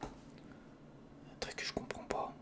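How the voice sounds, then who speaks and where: A man creating an ASMR video whispers breathily and slowly as he builds something, muttering informally partly to himself and partly to the viewer.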